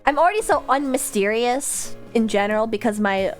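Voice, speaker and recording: A young woman VTuber chatting casually with her livestream viewers in a cute, playful, animated anime-streamer manner, talking nonstop. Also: a little high, normal speed. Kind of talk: casual livestream chat, reading and answering viewers' messages. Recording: music playing behind the voice. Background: music.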